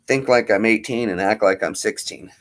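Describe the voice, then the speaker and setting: A man's voice: fairly low pitch, moderate pace. Rambling, jokey man in his thirties. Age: 30s. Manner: rambling, jokey, self-mocking. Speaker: streamer. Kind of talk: casual livestream chat.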